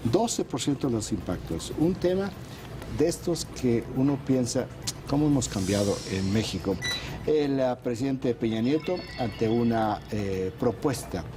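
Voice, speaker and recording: Over a noisy background, a mid-range male voice delivers a news roundup. He's a regular on a political panel show, explaining things in a measured way and hesitating often.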